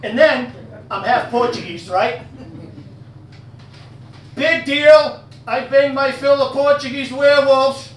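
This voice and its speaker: A man's voice: very high voice, takes it slowly, pauses often, slight background noise. A man doing live stand-up in a werewolf persona, telling crude punchline jokes, working the crowd and laughing at his own gags. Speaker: stand-up comedian. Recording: echoey room heard from a distance.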